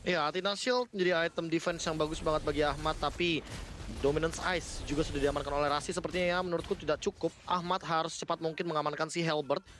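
A man works as an esports analyst, explaining informally. His voice is fairly high and quick, with faint noise behind it. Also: steady tone, fairly bright tone. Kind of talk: analytical game commentary.

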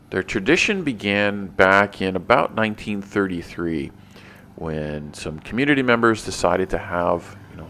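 A deep-voiced man guides listeners through a walking tour in an easygoing, conversational way. He talks as he goes, now and then pausing to correct a word. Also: slight background noise. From not from the local area. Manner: relaxed, chatty guide with small restarts. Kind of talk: casual tour narration.

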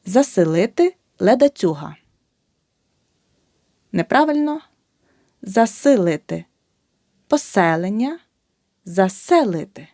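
A woman teacher slowly drilling spelling, saying words one by one with emphasis. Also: fairly high pitch, creaky, a little mellow, no echo, clean studio sound. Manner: slow, emphatic word-by-word dictation. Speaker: language teacher.

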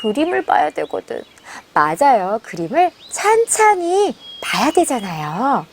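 A woman's voice: fairly high pitch, unhurried, slight background noise. A woman teacher reading a picture book aloud and explaining it, often asking her listeners questions. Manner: animated, asks listeners questions.

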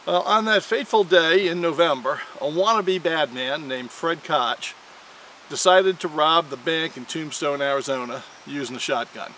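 A man hosting a firearms video, telling an old frontier tale in a folksy, animated way. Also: a little high, moderate pace, slight background noise. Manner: animated storyteller, with dramatic shouted quotes. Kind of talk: folksy historical storytelling.

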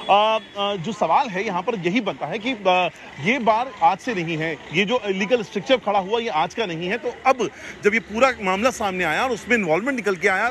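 A man's voice: high voice, fairly bright tone, slight background noise. A man in his forties reporting live outdoors for a news channel, speaking into a handheld mic, with frequent hesitations and restarts. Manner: hesitant, many fillers and restarts. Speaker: field reporter. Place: outdoors beside a demolition site.

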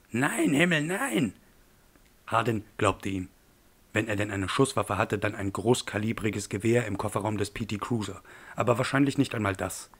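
A man reading a thriller audiobook in a measured, tense storytelling manner. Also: lowish voice, breathy edge. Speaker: audiobook narrator. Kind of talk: scripted audiobook narration.

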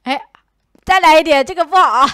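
A young woman hosting a gaming channel, commenting excitedly on her play with dramatic whining, fake crying and playful chanting. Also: sits high, moderate pace, dry recording.

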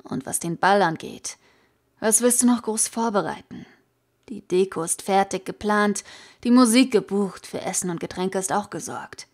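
A calm, caring teenage boy from a fan-made audiobook, read by a woman. He speaks softly and soothingly, sometimes dropping nearly to a whisper. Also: medium pitch, normal speed, lightly acted. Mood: gentle.

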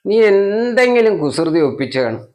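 A man's voice: high voice, sing-song, normal speed, a little mellow, voice pushed up. A man voicing a serious older schoolboy brother who questions his sibling with suspicion. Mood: questioning.

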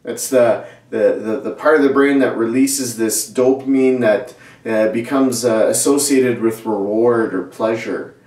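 A man's voice: medium pitch, a little slow. Middle-aged guy preaching, chatty, lots of restarts, roomy echo, mic kinda far off. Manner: conversational, animated hand gestures, frequent restarts. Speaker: pastor. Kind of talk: sermon. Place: small church studio set, indoors.

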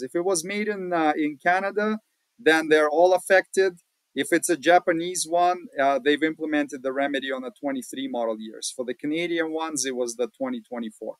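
A man hosting a casual screen-share walkthrough, talking in a relaxed, plain-spoken way with many fillers, recorded at a home desk. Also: a little high, dry recording, rough recording. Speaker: automotive channel host.

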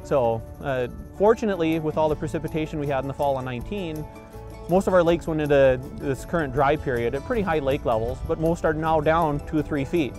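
This man in his forties, a fisheries biologist, answers interview questions in an earnest, explanatory manner outside by a river, with many fillers and restarts. His fairly high, darkish voice moves a little fast, accompanied by soft background music.

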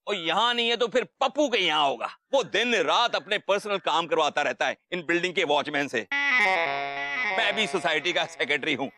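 Sitcom role: nosy middle-aged Indian society secretary, high and animated, officious. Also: male voice, moderate pace, dry recording, full character voice. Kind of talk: TV sitcom acting.

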